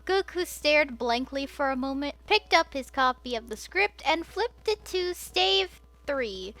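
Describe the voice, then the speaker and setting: Storyteller woman, playful, slow unhurried reading, high voice. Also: lively intonation, fairly bright tone. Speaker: fan fiction reader.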